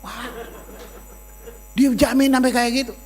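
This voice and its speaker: A middle-aged male pastor from Ambon with a husky, breathy voice, preaching through personal stories. He talks loosely, mixing casual slang into the sermon and playing out the voices of people he quotes. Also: very high voice, unhurried, soft background music. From Ambon, Indonesia. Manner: lively storyteller, mixes casual slang and acts out quoted voices.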